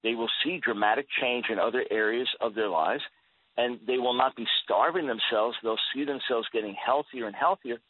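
A man's voice: medium pitch, normal speed, husky. Earnest man in his sixties, phone-line sound. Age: 60s. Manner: earnest, emphatic, repeats words when starting. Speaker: guest. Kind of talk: radio interview. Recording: tinny phone-line radio audio, dry.

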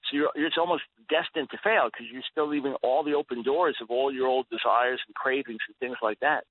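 Over a dry, tinny phone line, a radio interview guest in his 60s talks briskly in a mid-range voice. Earnest and emphatic, he tends to repeat words when starting a thought.

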